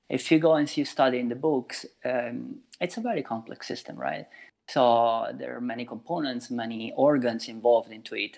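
His voice is gravelly and darkish with a plain pitch: a thoughtful man in his forties who teaches meditation and makes flutes. In casual interview answers he explains through everyday examples, with frequent restarts.

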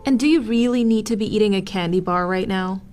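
A woman's voice: mid-range voice, fairly quick, darkish tone, faint music behind, natural voice. An actress playing a rude, greedy woman who snaps and complains at everyone around her. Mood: scornful. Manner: snappy, scornful complaining. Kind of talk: scripted skit acting.

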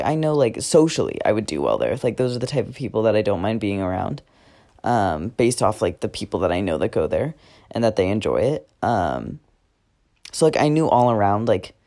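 A teenage guy records a casual diary podcast at home late at night. His voice sits on the low side. He rambles, fills pauses with "um" and "like", and often backs up to correct himself. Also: warm tone. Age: teens. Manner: rambling, many fillers and self-corrections. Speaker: podcast host.

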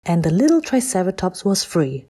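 A woman reading a children's story aloud in a calm, gentle way. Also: fairly low pitch, normal speed, breathy edge.

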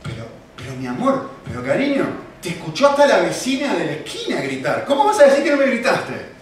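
A man's voice: high-pitched, wildly swooping pitch, fairly quick, a little hiss or hum. A man voicing a wife who coaxes and reproaches her husband, heard in an echoey hall from a distance. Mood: reproachful. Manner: coaxing, reproachful.

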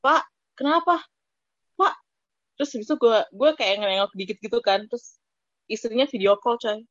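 A young woman co-hosting a casual podcast, telling embarrassing stories in an animated way and laughing through the punchlines. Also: mid-range voice, quick pace, no room sound, highs cut off. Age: young adult. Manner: animated storytelling, laughs into her own punchlines. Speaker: podcast co-host. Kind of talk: casual chat.

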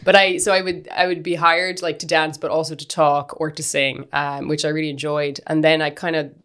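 A woman's voice: sits low, little pitch movement, a little fast, a bit bright, clear, resonant tone. A young woman with a west of Ireland accent, telling stories casually and chattily as an interview guest. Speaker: interview guest, dancer and performer. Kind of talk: casual conversational storytelling.

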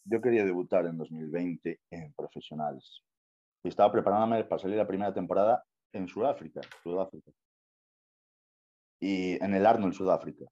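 A man's voice: low voice, fairly quick, dark tone, dull audio. A young man from Spain with a Spanish accent, a bodybuilder guest telling his story in a casual interview, swearing freely and tagging lines with "tío" and "¿sabes?". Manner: slangy, swears often, keeps saying "tío" and "¿sabes?".

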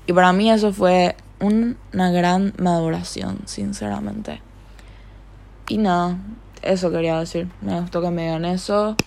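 Chatty young woman, Rioplatense accent. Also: lowish voice. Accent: Rioplatense Spanish. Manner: chatty, drops in English words, trails off softly. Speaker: podcast host. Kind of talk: casual solo podcast monologue.

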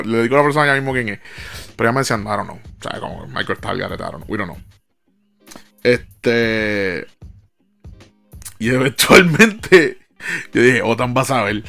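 A young man with a Puerto Rican accent telling a casual, slang-heavy story as a podcast host, acting out what people said and laughing along. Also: mid-range voice. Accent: Puerto Rican Spanish. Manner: slangy, animated storyteller who mimics dialogue and laughs.

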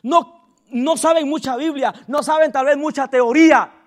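A man preaching a lively church sermon as pastor. He calls on the congregation to repeat his words and chuckles often as he jokes with them. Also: extremely high pitch, normal speed. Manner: calls on the congregation to repeat after him and respond. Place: church service.

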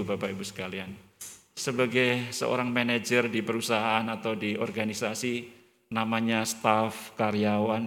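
Male guest preacher, higher voice, forceful and bright, animated with jokes, long church reverb. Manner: animated, joking, addresses the congregation directly. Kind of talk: sermon.

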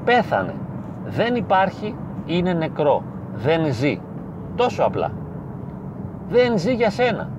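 A man, a psychologist, gives advice straight to the listener in an emphatic, repetitive way, with slow, weighty phrasing. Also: high-pitched, wildly swooping pitch. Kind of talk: direct-to-camera advice monologue. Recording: slightly dull lo-fi sound with faint street noise.

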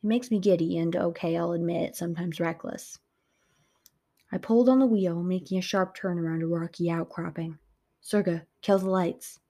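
A woman narrating a first-person adventure audiobook in a lively, expressive way. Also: lowish voice, normal speed, creaky.

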